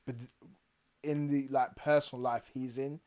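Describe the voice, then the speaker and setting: This young man speaks at a mid pitch, in casual podcast banter. He laughs often, then goes quiet and hesitant on serious points. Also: little pitch movement, moderate pace. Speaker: podcast co-host. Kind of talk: casual chat.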